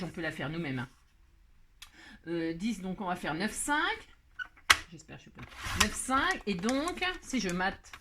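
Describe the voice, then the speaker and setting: A woman's voice: mid-range voice, noisy background. A woman hosting a casual craft tutorial, chatty and scatterbrained, laughing at herself as she works. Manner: sings playfully while working.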